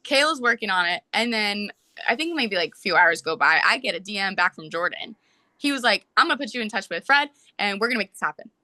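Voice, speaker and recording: Young woman, bright voice, dry close sound, chatty storytelling, soccer player guest. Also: medium pitch, dry recording. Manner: animated, fast storytelling with many "like"s. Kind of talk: casual storytelling.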